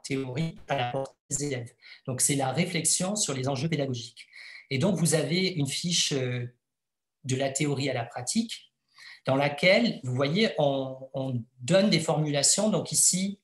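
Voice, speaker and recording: A man gives an educational webinar presentation, his voice sitting a little high. He speaks hesitantly, pausing on filler sounds as he explains, and the recording has an echoey room sound.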